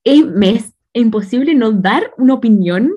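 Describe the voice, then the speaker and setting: A woman's voice: a little high, lively intonation, normal speed, mellow, slightly rough, muffled recording. A woman with a Chilean accent chatting casually, telling stories in a slangy, laughing way. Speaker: podcast co-host. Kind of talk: casual chat.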